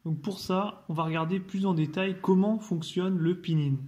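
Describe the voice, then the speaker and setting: A man teaching in a casual video lesson, explaining in a relaxed, chatty way with small asides and fillers. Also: high-pitched, moderate pace. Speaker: language teacher.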